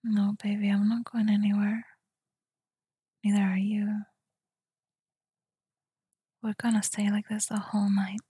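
A woman whispering softly in a tender, soothing ASMR roleplay, speaking close to the mic. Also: mid-range voice, little pitch movement, dry recording. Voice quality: breathy whisper. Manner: soft, tender and soothing, slow murmurs. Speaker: girlfriend roleplayer.

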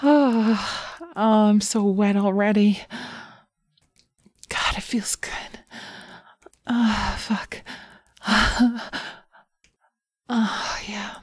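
A woman plays a seductive, wicked succubus in an erotic audio roleplay, her mid-range voice teasing, breathy and sultry, sometimes slipping into whispers close to the mic. She speaks very slowly, and the recording is dry.

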